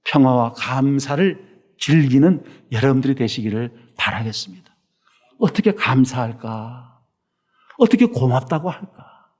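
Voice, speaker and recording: A man preaching a Sunday sermon as pastor in a church, animated, asking rhetorical questions and slowing down to stress his points. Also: mid-range voice, slightly rough.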